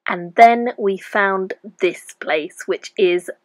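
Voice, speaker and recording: A woman's voice: mid-range voice, slow, faint music behind. A young woman in her twenties, vlogging casually and enthusiastically about books and bookshops, chatting in a rambling way. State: tipsy. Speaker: book vlogger. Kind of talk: casual vlog chat. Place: indoors at night.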